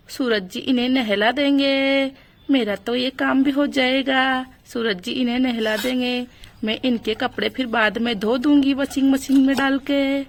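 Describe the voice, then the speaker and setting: A woman's voice: on the high side, slight background noise. A woman telling a village doll story and voicing a fussing, scolding mother figure. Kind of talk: doll story narration with character voices.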